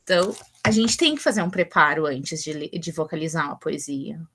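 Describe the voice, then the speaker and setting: A woman's voice: deep voice, lively intonation, brisk, fairly bright tone, breathy edge. A woman, an early childhood educator giving a chatty teacher-training lesson. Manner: chatty, asks the group for go-ahead.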